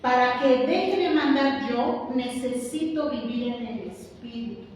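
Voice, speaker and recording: A woman preaching a lively, humorous sermon, acting out little scenes. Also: sits high, measured pace, a little hiss or hum. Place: church. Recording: echoey church hall, mic far off.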